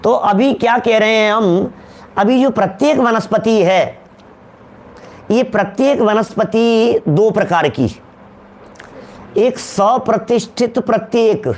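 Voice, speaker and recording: A man a notably high voice teaches a religious lecture. He repeats key terms, slows down to drive them home and keeps putting questions to his listeners. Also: darkish tone. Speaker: Jain scholar giving a discourse.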